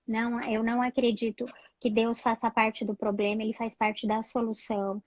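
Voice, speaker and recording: A woman psychologist speaking calmly and reassuringly in a live-stream chat, giving advice and often adding "né?". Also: a little high, moderate pace, dry recording, muffled recording. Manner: calm, reassuring, many "né?" fillers. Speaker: psychologist guest.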